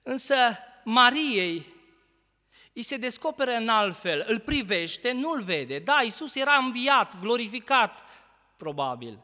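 High, lively preacher in a reverberant hall. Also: male voice. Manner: expository preaching, rhetorical questions, loud emphatic peaks then quiet reading. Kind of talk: sermon. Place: church hall. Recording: long reverb of a church hall.

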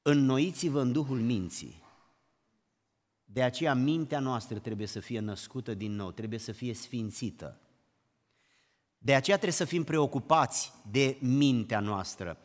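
A man preaching a sermon, emphatic, climbing to loud exclamations and then dropping low. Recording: long hall reverb.

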